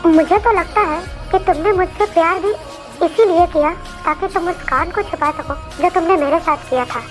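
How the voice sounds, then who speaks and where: A woman's voice: very high-pitched, normal speed, faint music behind. A woman voicing a young man who coldly threatens and rejects his former lover, in a fan storybook reading. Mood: accusing. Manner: cold, threatening.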